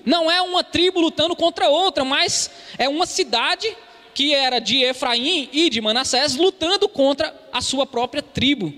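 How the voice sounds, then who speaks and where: A Brazilian preacher delivers an earnest sermon in a very high, bright, forceful voice. He keeps calling his listeners brothers. His words ring out with a long reverb, as in a church hall. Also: normal speed. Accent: Brazilian Portuguese. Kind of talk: expository sermon.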